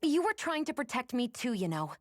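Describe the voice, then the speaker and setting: A woman voicing a gentle, reserved young heroine in a video game, speaking softly. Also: on the high side, big pitch swings, a little fast, slight background noise. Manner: soft-spoken, understated.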